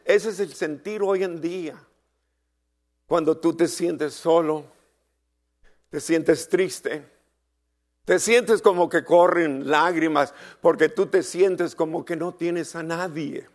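A man preaching a sermon, slow and dramatic, who asks the congregation for responses and rises to shouted peaks. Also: fairly high pitch.

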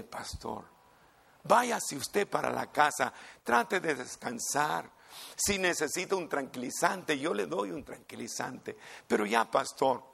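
A calm woman doctor speaks softly and slowly, as a preacher puts her on. Her voice sits a little high and has a gravelly edge. She reasons patiently and never rushes. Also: exaggerated voice. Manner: slow, soft, reasoning.

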